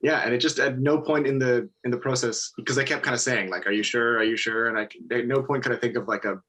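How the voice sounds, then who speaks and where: A man's voice: mid-range voice, fairly even intonation, fast talker, fairly bright tone, breathy edge. A man, chatting casually in a hesitant, understated way as an interview guest. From Nova Scotia, Canada. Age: early 20s. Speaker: stem cell donor, interview guest. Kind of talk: casual conversation.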